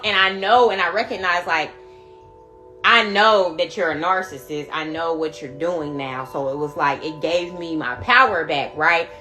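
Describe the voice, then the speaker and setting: A woman's voice: mid-range voice, pushed and bright. Emphatic, profane woman telling a story. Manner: emphatic, profane, frequent "right?" and "you know". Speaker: spiritual reader and video host. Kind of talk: candid personal storytelling to viewers.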